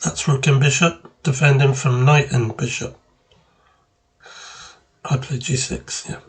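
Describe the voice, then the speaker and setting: A man talks through his own chess game in a casual way, move by move. His pace is very unhurried, with hesitant pauses mid-phrase as he thinks aloud. His voice sits at an ordinary male pitch. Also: steady tone, low-quality recording.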